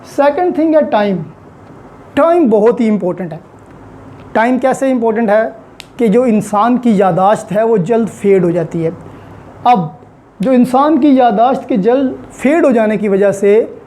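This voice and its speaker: A female law lecturer with a Pakistani accent delivers an explanatory lecture built around worked examples. Her voice is on the high side with a dark tone, and she teaches didactically, repeating key points and mixing English terms and phrases into her speech.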